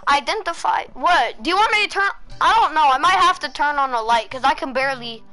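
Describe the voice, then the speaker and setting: A young woman streaming a game and chatting with a friend in a dark room at home, bossy, teasing and exasperated, full of "dude" and "literally". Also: sits high, lively intonation, brisk, faint music behind. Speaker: gaming streamer. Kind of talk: casual gameplay chat with a friend.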